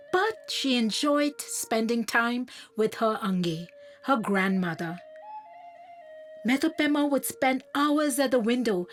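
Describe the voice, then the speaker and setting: A woman gently narrating a children's storybook. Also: fairly high pitch. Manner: slow, gentle and clearly spoken.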